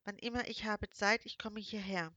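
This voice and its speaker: A woman's voice: mid-range voice, fairly even intonation, normal speed, sharp tone, no room sound, close to an everyday voice. A charming young foreign man, playful and teasing, stumbling through German between English phrases, as a woman narrator puts him on. The recording sounds a little dull and dry.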